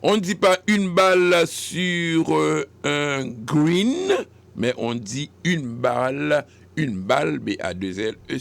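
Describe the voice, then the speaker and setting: A Haitian-accented man hosts a radio language segment at an unhurried pace. His voice carries a gravelly, creaky texture. He explains and corrects expressions patiently, with small hesitations. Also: mid-range voice, fairly bright tone. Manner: didactic, correcting word by word, with hesitations. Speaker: radio host. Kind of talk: radio segment on French usage.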